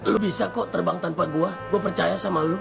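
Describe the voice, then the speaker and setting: An actor with a Jakarta accent voicing a goofy, melodramatic young male best friend in an animated comedy. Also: mid-range voice, a little fast, gravelly. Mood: melodramatic urging. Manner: melodramatic, teasing. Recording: music behind the voice.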